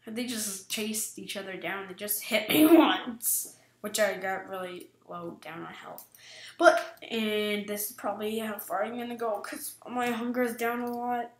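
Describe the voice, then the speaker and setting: A woman's voice: medium pitch, measured pace, echoey room. A woman giving casual, giggly, self-deprecating gameplay commentary as a vlogger. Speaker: gaming vlogger.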